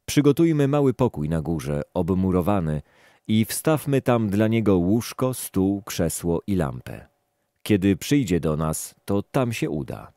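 A man's voice: deep voice, big pitch swings, a little slow, mellow, no room sound, clean studio sound, exaggerated voice. A man reading as an earnest devout woman.

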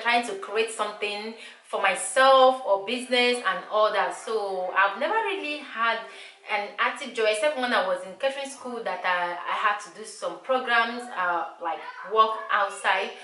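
A vlogger in her thirties with a Nigerian accent, whose first language is Igbo, chats casually to camera in a small, bright indoor room, repeating herself often. Her voice is slightly high, pushed and bright. The room echoes, with slight background noise.

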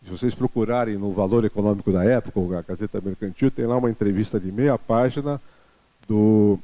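A man's voice: fairly low pitch, brisk, dark tone, dry recording. A man in his sixties from Brazil gives a seminar talk on a handheld mic, conversational and full of fillers and restarts. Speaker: lecturer. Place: small lecture room with seated audience.

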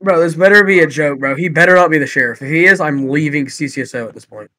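A man's voice: fairly high pitch, quick pace, bright, forceful tone, no echo, low-quality recording. A man in casual voice chat, complaining and fed up.

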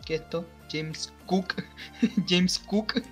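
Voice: mid-range voice, slow pace, a bit bright, soft background music. A gamer, chatting casually with a friend, giggly and narrating what is on screen. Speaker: gaming friend. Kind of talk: casual gaming chat.

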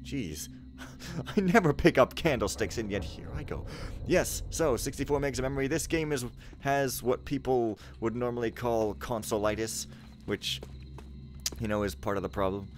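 A man records casual let's play commentary in a rambling, informal way. His pitch is ordinary and his delivery sardonic. Game music and sound play clearly behind him. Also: moderate pace. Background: video game sound and music.

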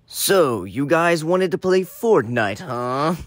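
A man's voice: a little high, very animated, slow, no echo, clean studio sound, pitched below the performer's own voice. A man voicing a sly, scheming cartoon villain with a smug, coaxing manner in a comedic fan dub.

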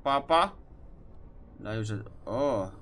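A man's voice: medium pitch, animated, unhurried, a bit bright. A young man doing playful, dramatic let's play commentary and joking about being scared. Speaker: gaming YouTuber.

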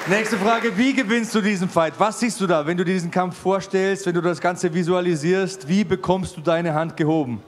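A man in his forties hosts a fight event interview, talking fluently and building hype for the bout. His voice is pitched notably high for a man. He speaks into a handheld mic at an indoor venue. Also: fairly even intonation, normal speed, few pauses, some chatter behind, slight background noise. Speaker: host and commentator.

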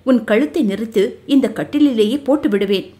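A woman's voice: fairly high pitch, moderate pace, mellow, close to an everyday voice. A woman voicing a stern, menacing young male army commander in an audio novel, speaking with a cold threatening tone.

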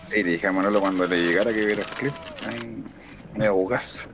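A man's voice: on the low side, steady tone, a little fast, over music. A man with a Chilean accent chatting casually with a fellow gamer. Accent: Chilean Spanish. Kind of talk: casual chat. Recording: game gunfire behind. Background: war game sounds.

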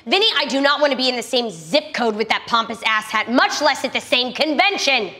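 A young woman playing a sharp-tongued, no-nonsense actress in a scripted comedy, curt and sarcastic. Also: fairly high pitch, expressive, fairly quick. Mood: irritated. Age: young adult.

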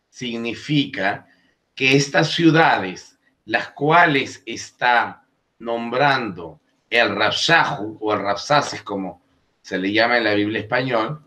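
A man teaches scripture at an unhurried pace, weighing each word. His voice is bright and forward, with a middle pitch. He reads verses aloud and presses on key terms as he explains them. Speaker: Bible teacher. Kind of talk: explanatory Bible lesson.

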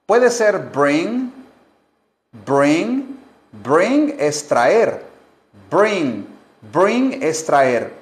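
A man teaching English to Spanish speakers on a live stream, slowly repeating phrases and drilling pronunciation. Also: fairly high pitch, big pitch swings, roomy sound.

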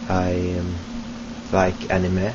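In a small indoor room at home, a young man from Sweden vlogs a self-introduction with a Swedish accent, close to his webcam. He talks slowly in a very deep, flat voice, hesitating with frequent ums and restarted sentences. A steady hiss runs through the dull, muffled, lo-fi sound.

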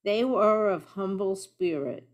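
Woman reading a commentary out loud, super slow and careful, on a video call. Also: mid-range voice. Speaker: study group participant.

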